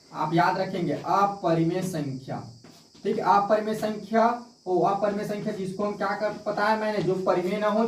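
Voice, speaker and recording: During a math lesson, a high-voiced man repeatedly poses questions to the class and answers them himself, going back over the key points. The recording is echoey and distant, with slight hiss or hum.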